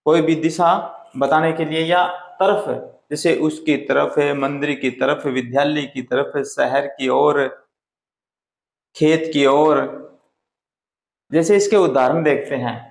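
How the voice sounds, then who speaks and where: A man teaching a Hindi grammar lesson, slowly and deliberately sounding out the vowels for his students. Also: fairly high pitch, steady tone, gravelly. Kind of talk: slow blackboard-style grammar lesson. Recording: echoey room.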